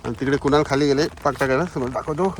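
A man's voice: medium pitch, rapid-fire, low-quality recording. A man with a Marathi accent chatting to his viewers in a casual vlog by a creek. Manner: chatty, addresses viewers as friends. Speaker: vlogger. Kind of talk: casual outdoor vlog commentary. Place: outdoors by a tidal creek. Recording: outdoor recording with clear background noise.

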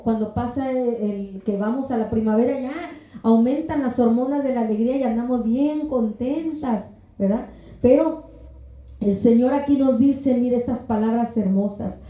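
A woman preaching a sermon at a women's conference in a church hall, animated and often acting out the voices she quotes. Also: on the high side, lo-fi sound. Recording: echoey room.

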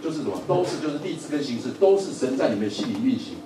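A man's voice: a little high, racing, noisy background. Man preaching in an echoey hall. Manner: lively, asks the audience questions, repeats words, jokes. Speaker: preacher teaching adult Sunday school. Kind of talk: sermon-style Bible lesson. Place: church hall. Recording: echoey room from a distance, faint ambience.

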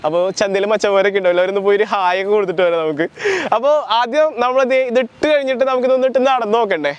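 Speaking in a high, clear voice with a resonant tone, a young man rattles along at a rapid-fire pace. As a vlogger, he narrates a casual DIY video outdoors, in the street and a park, joking with his audience while crafting and wearing costume puppets.

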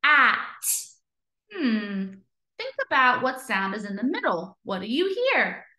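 Bright-voiced woman teaching phonics. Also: fairly high pitch, sing-song, roomy sound. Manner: slow, clearly sounded-out letter sounds; cheerful and encouraging. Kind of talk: children's phonics lesson.

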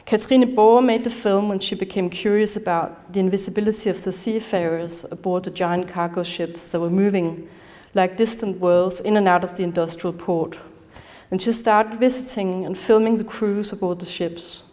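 A Danish woman with a noticeable accent gives a measured academic lecture at a conference, partly reading from a prepared text. Her voice is mellow and medium-pitched, with fairly even intonation, and she speaks in a large, darkened lecture hall.

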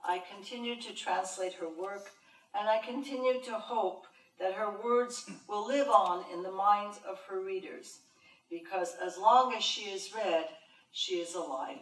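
An older woman from Montreal, Canada, a professor and translator, fields audience questions after her lecture, thinking carefully and using many fillers. Her voice is mid-range and a little slow. The podium mic is heard from a distance in a large, roomy lecture hall with an audience.

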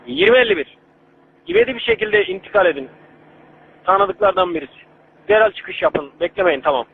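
A man's voice: high-pitched, wildly swooping pitch, brisk, vocal fry. A man working as a police radio dispatcher, speaking over a walkie-talkie in clipped, repetitive, urgent procedure. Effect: walkie-talkie radio transmission. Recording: tinny, narrow, noisy two-way radio line.

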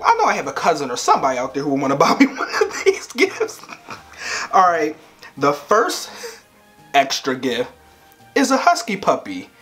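A man's voice: on the high side, fairly bright tone. A young man in his twenties chatting playfully to camera at home, laughing often. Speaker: vlogger. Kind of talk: casual chat to camera.

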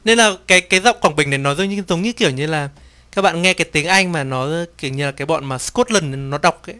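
A gameplay streamer with a fairly high voice chats casually while game music plays behind him. He reads each character's dialogue aloud in playful voices and comments between lines, excitable and quick to swear and laugh.

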